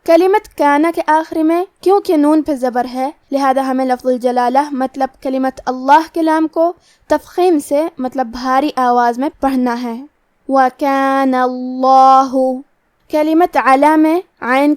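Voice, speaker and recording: High-voiced woman teaching recitation rules. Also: a little mellow, no room sound, studio quality. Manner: methodical, explains each letter rule step by step. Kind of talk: tajweed lesson, explaining rules then reciting slowly.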